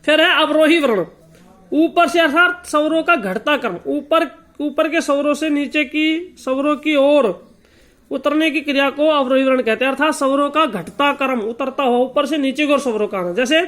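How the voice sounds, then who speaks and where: A music teacher talks through a lesson in a high-pitched voice. He explains each term slowly and repeats it, and now and then he sings out long, drawn-out sargam notes as examples. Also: a bit bright. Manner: slow repetitive explanation, stretching out sung sargam notes. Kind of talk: spoken lesson with sung note examples.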